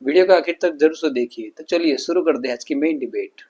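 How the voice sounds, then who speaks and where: A man's voice: on the high side, animated, fairly quick, a little mellow. A man hosting a video channel, giving an upbeat scripted intro that asks viewers to subscribe and like. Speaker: channel host.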